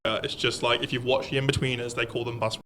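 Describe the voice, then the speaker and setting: A man's voice: mid-range voice, little pitch movement, racing, bright, forceful tone, slight background noise. A man, co-hosting a casual podcast with playful, self-mocking jokes. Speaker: co-host.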